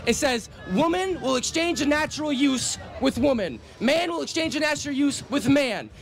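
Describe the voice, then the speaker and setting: Street preacher guy, high gravelly voice, pushy, keeps firing questions outside. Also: lively intonation, normal speed. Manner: insistent, quotes scripture, cuts in with questions. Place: outdoors on a city street.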